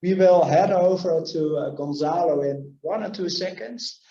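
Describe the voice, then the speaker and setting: A man's voice: a little high, a little slow, dark tone, roomy sound, muffled recording. A man opening a webinar as host, hesitant and full of fillers. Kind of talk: webinar introduction.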